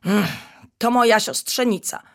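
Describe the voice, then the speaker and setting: A woman's voice: fairly high pitch, unhurried, creaky. Woman voicing an old baboon doctor, humming. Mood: exasperated. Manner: thoughtful, murmuring hums. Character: old wise male baboon doctor, fussy.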